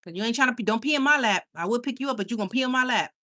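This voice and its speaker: Bubbly and quick to squeal, a young woman with a Caribbean Spanish accent hosts a casual livestream, reading viewer comments straight to her chat. Her bright, forward voice is fairly high, and she sounds at ease and at home.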